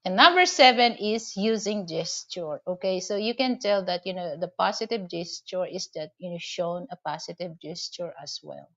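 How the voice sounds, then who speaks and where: A woman from the Philippines, speaking with a Filipino accent in a lowish, slightly bright voice, vlogs at a moderate pace with few pauses. Her casual advice and storytelling ramble along with many "you know" and "okay?" fillers. Audio quality is dull.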